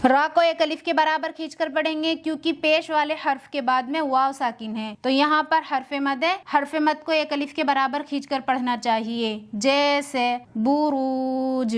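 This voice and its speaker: A woman teaching an online Quran reading lesson. She talks straight to her viewers and asks them to listen closely and repeat after her. She spells out and recites the examples slowly and draws them out between her explanations. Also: high-pitched, steady tone. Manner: addresses viewers directly, asking them to listen carefully and repeat.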